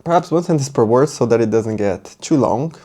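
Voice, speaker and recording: A man teaching language, Portuguese being his first tongue, talks briskly with lively intonation in a mellow, medium-pitched voice. His tutorial is casual and chatty; he mutters while writing, reasons aloud, and often asks "right?".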